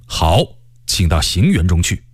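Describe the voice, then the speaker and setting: A man's voice: low-pitched, big pitch swings, unhurried, slightly rough, no room sound, voice pushed down, exaggerated voice. A man voicing a proud, stubborn male army commander who speaks in a stern, scornful way. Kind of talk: storytelling character voice.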